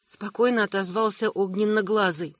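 A woman's voice: medium pitch, no echo. Woman narrating an audiobook, dry close read. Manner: measured, expressive storytelling. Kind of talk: first-person audiobook narration.

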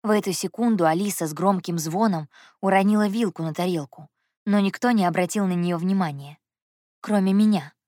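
A young woman narrating an audiobook in the first person, telling the story in a lively, expressive way. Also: on the low side, fairly quick, no echo, studio quality.

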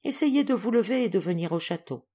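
A woman doing a kindly, steady gentleman. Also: sits high, a little fast, pitched above the performer's own voice. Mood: reassuring. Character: calm, kindly gentleman helping a stranger.

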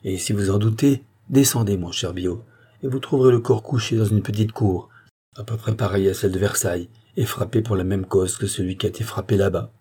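A man voicing a grieving nobleman who speaks softly and gravely, in a mellow, husky voice. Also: on the low side, fairly quick. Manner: soft, subdued. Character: grieving noble count, gentle and sorrowful.

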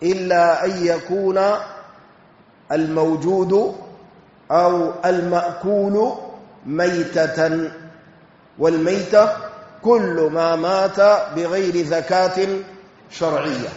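A man giving a Quran exegesis lesson, explaining slowly and deliberately and reciting verses. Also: a little high, a little mellow. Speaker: Quran tafsir teacher. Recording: echoey hall, dull lo-fi sound.

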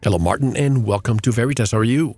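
A man hosting a radio interview show, introducing topics and a guest in a measured, earnest way. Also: medium pitch, a little mellow, soft background music.

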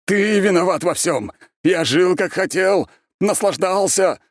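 A roaring mad ex-emperor. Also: male voice, high voice, lively intonation, unhurried, no room sound, studio quality, voice pushed up. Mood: raging. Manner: roaring, bellowing. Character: raging mad male ex-emperor, roaring threats.

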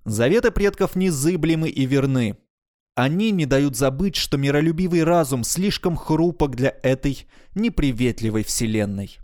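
A man narrating a science fiction audiobook in a measured, expressive reading voice. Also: a little high.

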